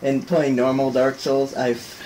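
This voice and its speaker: A young man casually commentating a video game, excitable and swearing, shouting at the screen when things go wrong. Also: mid-range voice, unhurried. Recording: noisy home recording.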